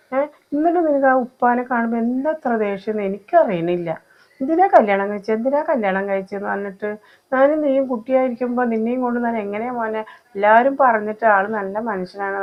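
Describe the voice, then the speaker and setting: A woman's voice: medium pitch, lightly acted. A woman with a Malappuram Malayalam accent playing a worried mother who pleads with and scolds her grown son in an amateur family short film. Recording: slightly dull lo-fi recording. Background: faint music.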